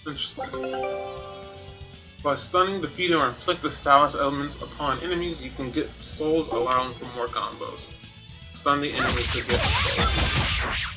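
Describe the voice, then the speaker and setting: This man streams a video game and talks casually as he plays, thinking aloud and sometimes reading in-game text. His voice is on the high side and steady, at a moderate pace with long pauses, with music in the background.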